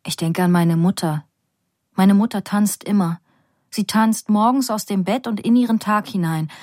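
A woman narrating a literary story aloud in a calm, measured, reflective way. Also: mid-range voice, no echo, clean studio sound.

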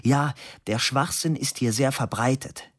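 A man voicing a young man who gives absurd answers in a raised, dry, deadpan voice. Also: mid-range voice, a little slow, pitched above the performer's own voice, lightly acted.

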